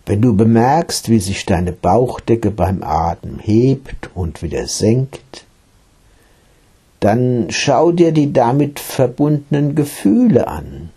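A man voicing a gentle, patient male meditation teacher who explains his practice in a read-aloud story. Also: medium pitch, very animated, slow, slightly rough, exaggerated voice.

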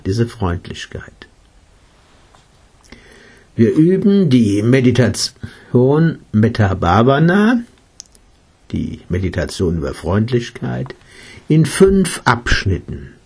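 A man voicing a gentle, patient male meditation teacher who explains his practice in a read-aloud story. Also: mid-range voice, husky, full character voice.

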